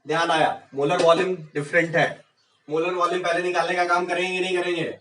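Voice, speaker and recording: Casting: male chemistry tutor, high voice, fires rhetorical questions at the class, echoey room, mic at a distance. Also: flat delivery, quick pace, a bit bright. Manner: rhetorical questions, urging students on. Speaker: chemistry teacher. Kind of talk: exam-prep lecture.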